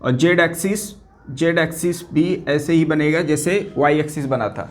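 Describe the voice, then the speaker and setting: A man's voice: fairly high pitch, normal speed. A male physics teacher giving an exam-prep lecture, asking questions and answering them himself, mixing English terms into his Hindi and repeating key words for students.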